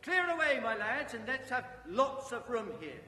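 A man's voice: very high voice, animated, unhurried, pushed and bright, pitched above the performer's own voice, full character voice. A man voicing a jovial, fat old male merchant with an oily, rich voice. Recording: echoey room with long reverb.

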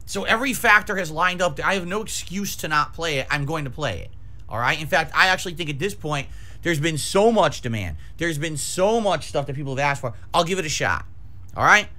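A man's voice: on the high side, lively intonation, fairly quick, sharp tone. A man in his forties ranting combatively to his livestream viewers, emphatic and profane, hammering points through repetition. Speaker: variety game streamer. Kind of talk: livestream rant to chat viewers. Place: small decorated home streaming room, indoors. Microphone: close desk microphone with pop filter.

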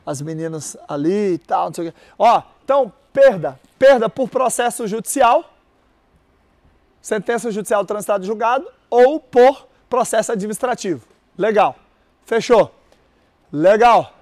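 A man's voice: high voice, lively intonation, moderate pace, a little mellow. A man teaching an exam-prep class live. He quizzes the audience and repeats key words with lots of energy. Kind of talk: live-streamed lecture with call-and-response.

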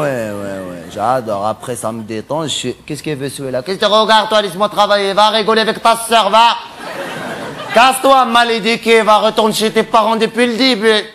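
A male comedian on stage playing a flamboyant, cross-dressing cabaret dancer in a stand-up character monologue, camp and theatrical, quick to snap at the audience. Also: sits high, noisy background, natural voice. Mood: indignant.

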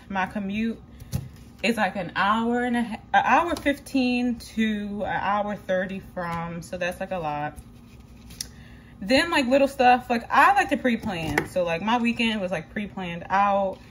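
Cooking in her home kitchen, a young woman vlogger talks casually to her audience, chatty and candid, sprinkling in "like" and casual swearing. Her voice is medium-pitched at a measured pace, with a little hiss or hum in the background.

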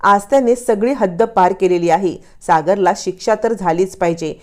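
A woman's voice: medium pitch, normal speed, natural voice. A woman reading the lines of an indignant old grandfather in a drama recap, firm and disapproving.

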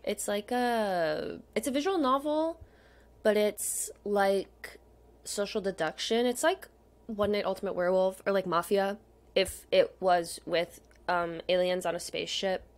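A young adult woman hosts a video, rambling casually over a screen share as she browses. A K-pop photocard collector with a mid-range voice, she gushes in slang at an unhurried pace, sometimes dropping to a murmur.

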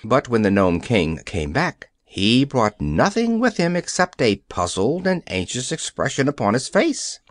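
A man narrating an audiobook with expressive storytelling, recorded on a close studio mic. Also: mid-range voice, measured pace, few pauses, dry recording. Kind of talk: scripted narration.

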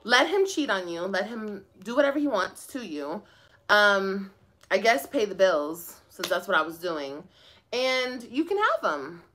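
A woman's voice: medium pitch, a bit bright. A young woman venting a profane, sarcastic story to her live stream viewers.

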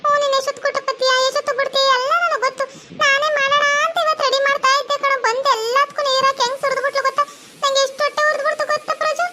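A woman's voice: extremely high pitch, steady tone, fast talker, pushed and bright, slight background noise. A woman voicing a sly, bossy young sister-in-law who schemes and threatens, with a North Karnataka Kannada accent.

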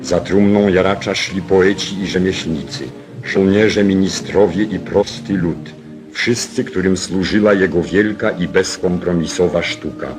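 A man narrating an old 1940s newsreel in a solemn, measured studio voice-over. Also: low-pitched, steady tone. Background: music.

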